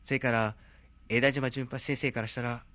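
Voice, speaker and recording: A man's voice: mid-range voice, flat delivery, normal speed, bright, forceful tone, no room sound, muffled recording. A man hosting a comic talk show, polite in his wording and wryly teasing. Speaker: host.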